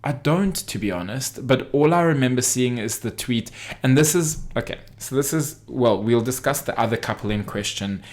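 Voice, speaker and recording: A man's voice: medium pitch, expressive, normal speed, hardly any pauses. Chatty gossiping man, fillers everywhere. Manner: gossipy, hesitant, many fillers. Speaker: podcast co-host. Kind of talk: casual chat.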